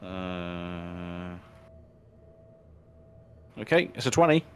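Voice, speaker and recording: A man playing in a tabletop game, chatting casually with quick, eager replies. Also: low-pitched, very animated, slight background noise. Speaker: player.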